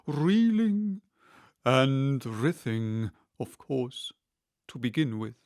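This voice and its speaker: A man's voice: medium pitch, very animated, drawn-out words, a little mellow, no room sound, clean studio sound, full character voice. A man voicing a melancholy Mock Turtle from a storybook, stretching out his words in a mournful, sighing delivery. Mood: earnest, mournful. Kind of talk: storybook character reading.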